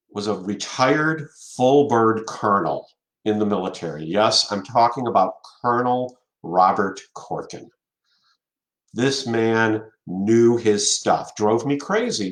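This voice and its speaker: A middle-aged man hosting a solo live video talk on leadership, speaking slowly and repeating a catchphrase with weight. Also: fairly low pitch. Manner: slow, repetitive, dwelling on a catchphrase. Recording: echoey room.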